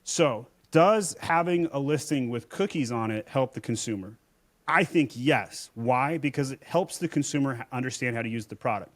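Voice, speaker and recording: A man speaking as a podcast guest in an even middle voice, blunt and emphatic as he makes his points. He talks in a casual, conversational way, telling stories to drive each point home. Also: medium pitch, moderate pace. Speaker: Amazon seller and agency owner, podcast guest.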